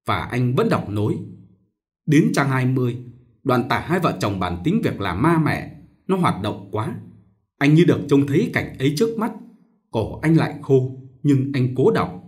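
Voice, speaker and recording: A man narrating a short story as an audiobook reading, in an expressive storytelling manner. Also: mid-range voice, moderate pace.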